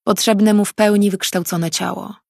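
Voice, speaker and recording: A woman's voice: mid-range voice, fairly even intonation, normal speed, creaky, darkish tone, dry recording, studio quality. A woman reading an audiobook voicing a stern, impatient older male mage who scolds sharply.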